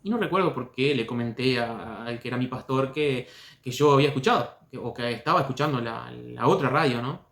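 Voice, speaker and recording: A man hosting a commentary video, speaking calmly with frequent hesitations while telling his own story. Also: mid-range voice, fairly quick. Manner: hesitant, many fillers and restarts, calm. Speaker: host commenting on testimonies. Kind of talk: critical commentary and personal story. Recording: echoey room.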